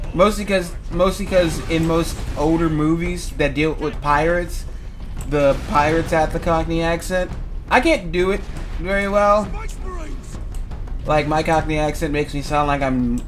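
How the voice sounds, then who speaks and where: A gaming video host from Louisiana, United States, gives casual, rambling let's play commentary in a slightly high voice at a measured pace. Game music plays clearly behind him.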